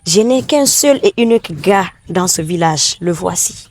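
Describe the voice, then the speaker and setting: A woman's voice: on the low side, animated, moderate pace, darkish tone, no room sound. A woman playing a haughty girlfriend who scorns a village woman and makes demands of her boyfriend, in a comedy film.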